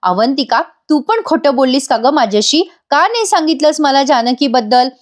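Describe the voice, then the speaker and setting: A woman's voice: high-pitched, animated, normal speed. A woman voicing a stern middle-aged mother who commands her quarrelling family. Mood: exasperated. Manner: commanding, exasperated.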